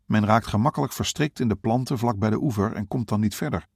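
A broad, bearded boatman in a storybook reading, plain-spoken and kindly, a touch louder than the narration, as a male reader voices him. The voice is low and dry. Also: fast talker, vocal fry, breathy edge, dry recording. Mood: matter-of-fact. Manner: matter-of-fact, reassuring. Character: burly middle-aged bearded boatman, kindly and practical.

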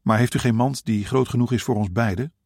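A man's voice: mid-range voice, steady tone, fairly quick, darkish tone, no room sound, studio quality, natural voice. A man playing a weary elderly husband who speaks politely to strangers and soothes his wife. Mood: courteous. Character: weary old husband, gentle and courteous.

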